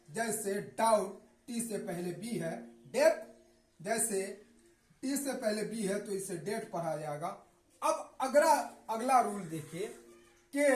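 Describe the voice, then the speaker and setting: A woman's voice: a little high, a little mellow, roomy sound, rough recording. A woman teaching English pronunciation rules, repeatedly asking a question and answering it herself. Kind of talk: classroom-style lesson.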